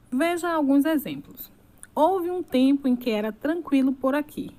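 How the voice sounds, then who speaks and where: A woman teacher giving a recorded remote lesson, going through examples slowly and word by word, and asking her pupils questions. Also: high-pitched. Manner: slow, deliberate word-by-word examples.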